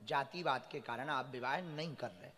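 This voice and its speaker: A man leading a live devotional session, reading out a devotee's petition and blessing her, calm and reassuring but breaking into rising chanted blessings. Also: medium pitch, normal speed, big-room sound.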